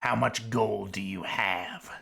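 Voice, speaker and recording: A man voicing a curt, suspicious drug dealer in a tabletop game, terse and gravelly. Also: fairly low pitch, fairly even intonation, slow, sharp tone, voice pushed down, heavily acted. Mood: wary, curt. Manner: terse, wary drawl.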